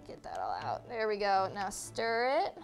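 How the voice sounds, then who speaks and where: A young woman hosting a casual cooking demonstration, cheerful and quick to laugh. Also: mid-range voice, huge pitch swings, over music. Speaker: cooking segment host.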